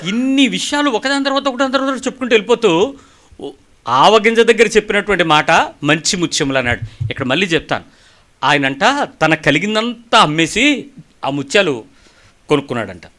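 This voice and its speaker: A middle-aged man preaching a sermon with a bright, forceful tone that sits a little high. He tells stories and asks the congregation question after question, moving from quiet asides to emphatic lines. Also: lively intonation, a little fast, long pauses. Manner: storytelling, rhetorical questions, swings between soft and emphatic.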